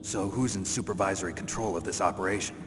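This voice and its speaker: Man acting a low-voiced, terse, skeptical soldier. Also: fairly even intonation, quick pace, long reverb tail, noisy background, close to an everyday voice. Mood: skeptical, dry. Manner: terse, dry, questioning. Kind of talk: scripted video game voice acting.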